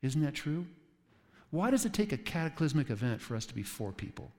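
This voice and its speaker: A man preaching a sermon at a mid pitch, animated and storytelling, with sudden high jumps whenever he acts out a quoted voice. His voice rings out with the long reverb of a church hall. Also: fairly quick. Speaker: pastor.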